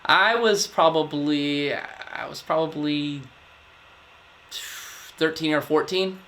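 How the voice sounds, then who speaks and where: A man in his thirties answering interview questions in a thoughtful, measured way with pauses. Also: fairly high pitch, a bit bright, slight background noise. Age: 30s. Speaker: interviewee, project manager.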